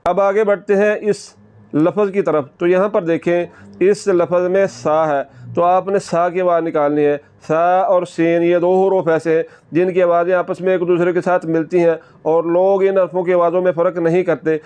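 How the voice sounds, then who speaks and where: A man's voice: high-pitched, level tone, a little mellow, clear, resonant tone. A man teaching Quran recitation step by step, patiently repeating and drawing out model sounds. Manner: patient, repetitive, drawn-out model syllables. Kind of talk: step-by-step pronunciation lesson.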